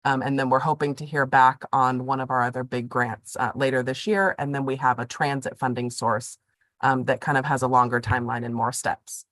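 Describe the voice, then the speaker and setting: Low-voiced woman with a cold, prone to cracking. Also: steady tone, a little fast, fairly bright tone, no echo. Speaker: program staff presenter. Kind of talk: informal public meeting presentation.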